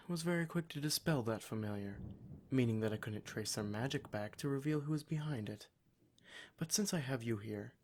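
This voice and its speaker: In an ASMR roleplay, a man plays a smug male demon speaking to his captive listener in a voice of middling pitch. His phrasing is measured and formal, condescending and full of menace, and the acting is light.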